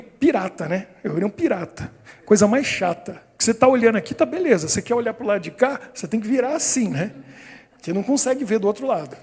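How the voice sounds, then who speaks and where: A man's voice: high voice, a little mellow, husky, big-room sound. A man in his fifties with a Brazilian Portuguese accent, a pastor telling a personal story in a sermon, acting out voices and laughing often. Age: 50s. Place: church hall.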